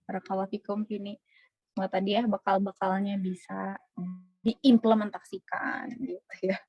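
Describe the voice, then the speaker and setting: A woman hosts a casual religious talk session, chatty and warm, sprinkling Arabic praise phrases and soft laughs. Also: mid-range voice, flat delivery, normal speed, dull audio. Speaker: host of an Islamic talk session.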